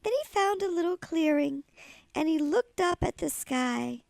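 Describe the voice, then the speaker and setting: Sweet old-lady storybook reader, high and creaky. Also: lively intonation, measured pace, darkish tone, no echo. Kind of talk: children's storybook read-aloud.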